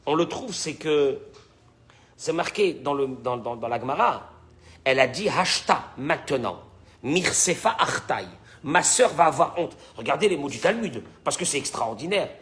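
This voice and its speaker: A man's voice: a little high, normal speed. A man, a rabbi teaching the weekly portion, who acts out dialogue and keeps asking his listeners questions. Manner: animated, dramatizes dialogue, repeats words, questions the audience. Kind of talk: Torah class.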